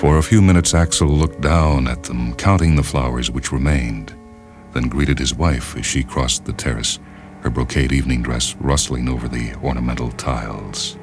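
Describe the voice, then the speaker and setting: A man narrates a short story in a strikingly deep bass voice, his delivery grave, measured and dramatic. Orchestral music is clearly audible behind him as he reads.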